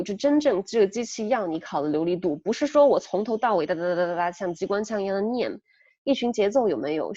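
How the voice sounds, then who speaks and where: Young woman tutor chatting fast thru a headset, dry dull sound, lots of fillers. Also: mid-range voice, darkish tone, no room sound. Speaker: English test tutor. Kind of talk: casual spoken lesson.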